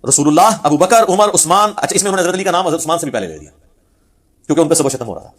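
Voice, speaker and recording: A man giving a religious lecture on hadith, telling the stories vividly and acting out the quoted speech. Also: a little high. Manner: animated storyteller who acts out quoted speech. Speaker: Islamic preacher.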